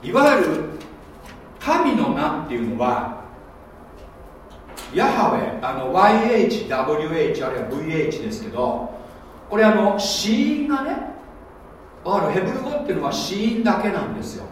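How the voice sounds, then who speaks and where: A man preaching a sermon as pastor, animated and often checking that listeners follow along. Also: high-pitched, normal speed, pauses often, a little hiss or hum. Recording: echoey hall, voice from a distance.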